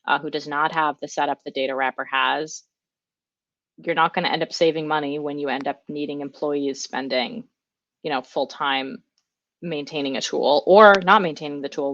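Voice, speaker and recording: A woman's voice: sits low, fairly bright tone, no room sound, dull audio. A woman giving a casual, enthusiastic conference talk over a video call, chatting with lots of fillers. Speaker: conference speaker.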